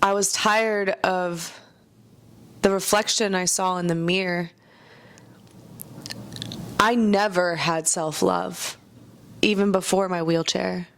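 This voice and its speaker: A woman's voice: lowish voice, steady tone, takes it slowly, gravelly, long pauses, fairly bright tone, smooth. A woman who owns businesses and coaches others, talking earnestly and motivationally in a personal vlog.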